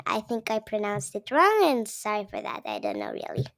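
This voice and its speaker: A seven-year-old girl from Gujarat with an Indian accent hosts a channel, reading a story aloud and explaining it simply to viewers like a young teacher. Her female voice is medium-pitched, brisk and creaky, with wildly swooping pitch.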